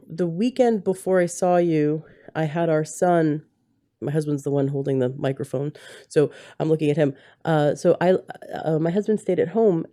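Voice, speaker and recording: A woman's voice: low voice, dark tone. A woman hosting a podcast, telling a personal story in an earnest, rambling way that restarts and corrects itself, recorded at home with a handheld mic. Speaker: podcast host. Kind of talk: candid conversational interview. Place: home setting, husband holding the mic.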